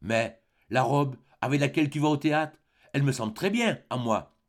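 A man's voice: medium pitch, normal speed, lightly acted. A man reading an audiobook plays a meek clerk husband, earnest and pleading. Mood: stammering.

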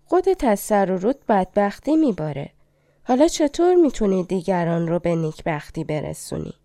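A worried young queen from a fairy tale, earnest and questioning, as a woman narrator puts her on. The voice is warm and mellow, captured close and dry. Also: medium pitch, big pitch swings, no room sound. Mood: doubtful. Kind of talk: audiobook fairy tale reading.

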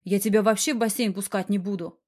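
A woman's voice: mid-range voice, fairly even intonation, fast talker, close to an everyday voice. Woman doing a hot-tempered scolding young man. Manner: sharp, scolding.

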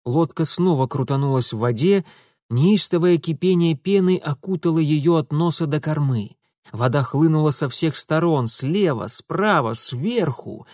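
A man's voice: on the high side, expressive, a little slow, darkish tone, no echo, clean studio sound. A man reading an adventure story aloud with dramatic, rhythmic storytelling. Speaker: audiobook narrator. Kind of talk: scripted audiobook narration.

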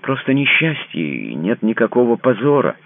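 A man's voice: medium pitch, sing-song, moderate pace, creaky, dry recording, pitched above the performer's own voice. A man voicing an anxious, tender noblewoman who pleads with and soothes her lover, in a dry, narrow, phone-like recording. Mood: pleading.

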